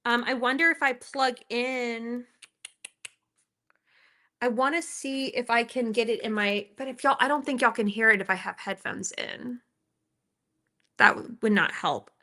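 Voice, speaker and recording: This livestream host reacts to videos from home, chatting and laughing with her viewers and fixing her audio along the way. Picked up by a built-in laptop mic, her voice is on the high side, bright and forceful, at a measured pace with frequent pauses.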